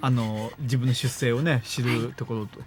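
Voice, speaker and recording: A man's voice: medium pitch, fairly even intonation, normal speed. A man chatting casually as a production-side commentator on an anime. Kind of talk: casual audio commentary chat. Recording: music behind the talk.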